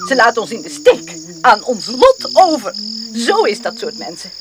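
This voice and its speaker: A haughty lady full of complaint and gossip in a radio play. Her pitch rises and falls widely as she passes judgement. The recording carries a steady tape hiss. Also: normal speed. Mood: indignant. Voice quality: pompous, indignant. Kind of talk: radio drama acting.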